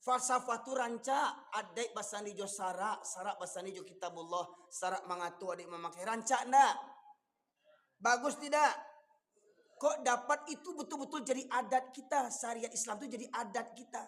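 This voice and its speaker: A man with a Minangkabau accent, preaching a fiery, scolding sermon that rises to shouts. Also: very high-pitched, moderate pace. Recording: long hall reverb.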